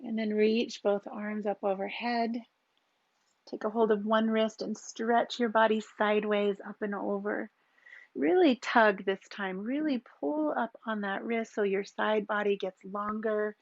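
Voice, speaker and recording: A woman teaching a yoga class, giving calm and gentle cues for breath and posture with long pauses. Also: mid-range voice, creaky, dry recording, muffled recording. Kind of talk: guided yoga and meditation instruction.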